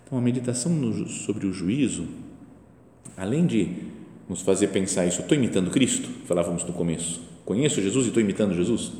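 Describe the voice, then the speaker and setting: A man's voice: lowish voice, animated, a little fast, mellow, slight background noise. A man preaching a spiritual meditation in a conversational way, with many rhetorical questions and short asides. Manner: acts out imagined voices in quotes. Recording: echoey hall with faint ambience.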